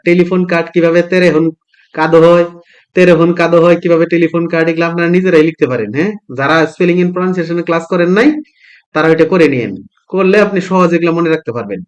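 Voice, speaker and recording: Man teaching vocabulary, higher voice. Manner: repeats words, asks and answers own questions. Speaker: language teacher. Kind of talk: vocabulary lesson.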